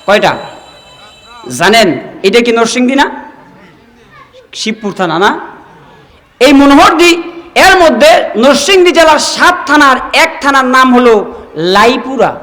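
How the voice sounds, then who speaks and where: A man from Bangladesh, preaching a sermon and firing quick questions at the crowd. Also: very high voice, animated, bright, forceful tone, long reverb tail, low-quality recording.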